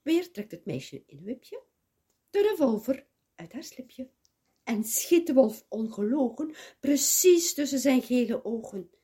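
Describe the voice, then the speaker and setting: Breathy, slow woman reading rhyming verse. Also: sits high, sing-song, warm tone. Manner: dramatic, slow, drops to whispers. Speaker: storyteller.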